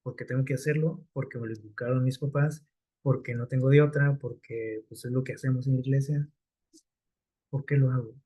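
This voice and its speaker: Man preaching with a warm, dark voice. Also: medium pitch, steady tone, brisk, husky. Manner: conversational, checks in with frequent rhetorical questions. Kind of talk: sermon.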